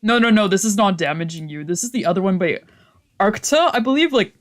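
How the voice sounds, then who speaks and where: Over soft background music, a man speaks a little fast in a high-pitched, expressive voice. He streams a visual novel, blending informal let's play commentary with reading aloud, reacting freely, swearing, trailing off and self-correcting.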